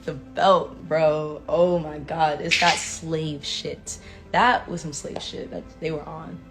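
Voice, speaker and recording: A woman retells a painful childhood memory in a lively, slangy way, acting out each scene with sudden shifts. Her voice sits a bit low, with faint music behind her. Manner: animated, acts out scenes, slangy with "yo" and "bro". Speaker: interviewee recalling her childhood. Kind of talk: emotional storytelling.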